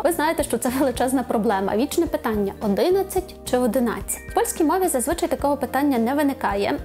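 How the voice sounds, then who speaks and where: A woman teaching Polish grammar in a video lesson, explaining clearly and slowing down to spell out example words. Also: on the high side, a little mellow.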